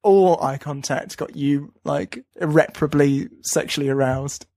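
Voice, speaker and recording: A young man co-hosting a casual comedic chat, wry and deadpan, often stumbling and restarting. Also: fairly high pitch, unhurried, gravelly, dry recording. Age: young adult. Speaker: podcast co-host.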